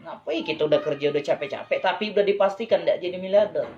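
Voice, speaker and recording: In a lo-fi recording with a little hiss or hum, a fast-talking man with a high voice delivers a motivational business pitch to a live online audience. He frequently asks if people agree and repeats phrases to drive points home.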